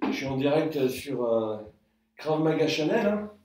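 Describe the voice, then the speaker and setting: A man teaching a relaxed live workout class at home, counting reps aloud and joking with viewers. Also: on the high side, moderate pace, noisy background. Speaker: Krav Maga instructor. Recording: echoey room, from far off.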